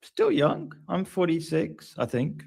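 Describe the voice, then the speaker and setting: A man in his forties in a casual discussion, speaking thoughtfully and hesitantly with many pauses and fillers. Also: a little high, wildly swooping pitch, vocal fry, darkish tone, husky. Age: 40s. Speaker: guest.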